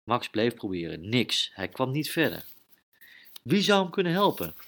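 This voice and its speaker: A man narrating a children's adventure story with lively, dramatic delivery. His pitch stays mid-range, and he throws in his own sound effects as the plot races on. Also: moderate pace, creaky.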